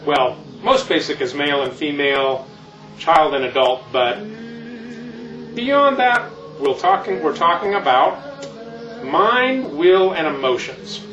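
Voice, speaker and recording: A man's voice: on the high side, very animated, slow, a bit bright, exaggerated voice. A man playing Santa Claus as an older keynote speaker, explaining things in a folksy, meandering way. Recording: echoey, distant, muffled, music behind.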